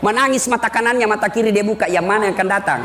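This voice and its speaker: A man giving a humorous sermon, telling jokes and stories in an animated way. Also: sits high, very fast, background noise. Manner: animated, joking storyteller. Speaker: preacher.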